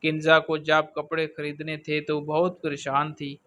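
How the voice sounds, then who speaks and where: A man reading a scripted story aloud in a steady, even storytelling manner. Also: a little high, slight background noise.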